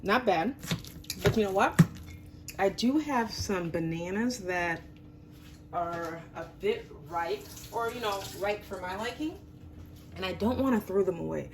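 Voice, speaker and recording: A woman's voice: mid-range voice, expressive, measured pace. A woman hosting a casual cooking demonstration, chatty and self-deprecating, with a voice that sounds a little under the weather. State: under the weather, voice affected by illness. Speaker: host of a home cooking show. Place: home kitchen.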